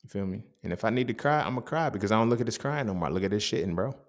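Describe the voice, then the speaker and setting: A man's voice: lowish voice, expressive, rapid-fire. A young man hosting a casual motivational monologue, emphatic and profane, who keeps checking in with his listener. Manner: profane, emphatic, keeps asking "you feel me?". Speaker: podcast host.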